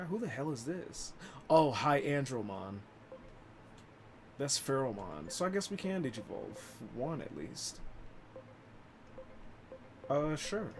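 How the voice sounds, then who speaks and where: A man's voice: medium pitch, big pitch swings, slow, pauses often, background noise. A man streaming a video game, chatting casually and joking with some swearing. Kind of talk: casual gameplay commentary.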